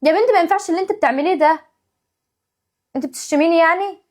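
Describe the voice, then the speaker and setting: A woman with an Egyptian accent playing a put-upon young wife and mother in a family sketch, talking in an exasperated, pleading way. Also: extremely high pitch. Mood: aggrieved. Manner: exasperated, pleading, quick rapid-fire talk. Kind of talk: home-video family sketch acting.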